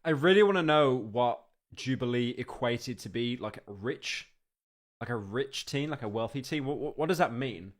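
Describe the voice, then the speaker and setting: A young man reacting on a live stream, rambling with stammered restarts and sudden excited outbursts. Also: mid-range voice, moderate pace, soft background music.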